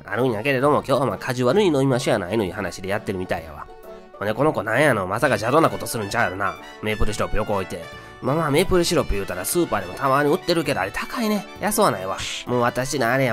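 A man's voice: on the low side, lightly acted. A man voicing a chatty, nosy middle-aged auntie from Osaka, rambling bluntly in a thick Kansai accent as a comic voice-over. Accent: Osaka Kansai dialect. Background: faint music.

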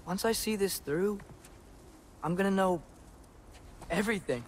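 An actor voicing an earnest, determined teenage boy hero in a video game cutscene, speaking slowly and carefully. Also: high-pitched, slight background noise.

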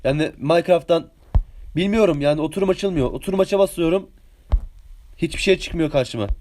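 Young male streamer, 18, high-pitched, excitable, chatty play-by-play with hummed sound effects. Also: a little fast, a little hiss or hum. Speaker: game streamer. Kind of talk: live gameplay commentary.

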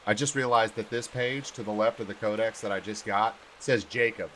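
A man's voice: on the low side, fairly even intonation, fairly quick, a bit bright, slight background noise. A man giving crude, profane, jumpy commentary while playing a horror video game. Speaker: gaming YouTuber.

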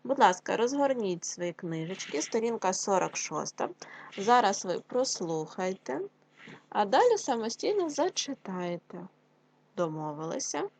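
A woman teacher giving an online lesson to young schoolchildren, talking to them warmly and reading a folk tale aloud. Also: medium pitch, big pitch swings. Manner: warm teacherly address, slow drilled syllables.

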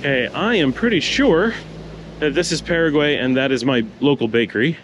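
A man's voice: fairly high pitch, fairly quick, slight background noise. A man giving casual commentary on a walking tour through city streets, pointing out shops as he walks. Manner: chatty, pointing things out as he walks. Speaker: vlogger.

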